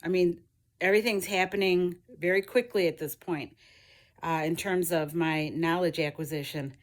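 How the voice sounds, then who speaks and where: A middle-aged woman from the United States telling her own story on a vlog, rambling and halting with many fillers and restarts. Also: lowish voice, steady tone. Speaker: vlogger. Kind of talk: casual personal storytelling.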